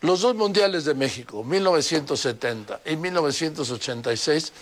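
A man's voice: fairly high pitch, lively intonation, brisk, a little hiss or hum. An older man, hosting an interview in a chatty way, prompting his guest with questions. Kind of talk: casual interview.

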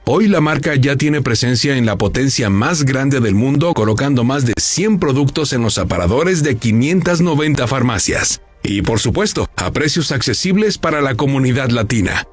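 A man reading a scripted news feature as narrator, measured and polished. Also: medium pitch, lively intonation, slightly rough, dry recording. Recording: voice-over with faint music.

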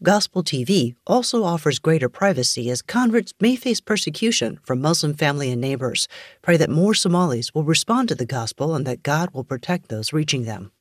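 A woman reading a scripted radio news bulletin in a measured, even delivery. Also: low voice, dry recording, studio quality. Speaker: news reader.

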